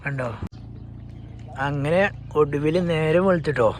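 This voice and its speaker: A man's voice: on the high side, unhurried. A man with a Malayali accent chatting casually for an outdoor travel vlog, mixing English words into his Malayalam. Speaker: vlogger. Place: outdoors in the open. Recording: noisy outdoor recording with animal and vehicle sounds.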